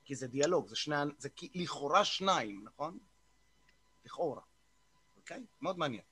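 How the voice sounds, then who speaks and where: Male group host on a video call: bright, tense tone, loose coaching talk, frequent "uh" and restarts. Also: fairly high pitch, expressive, husky. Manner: informal, repeats words and fills pauses with "uh". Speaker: host of a morning group session. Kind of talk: casual coaching talk and guided meditation. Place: online video meeting.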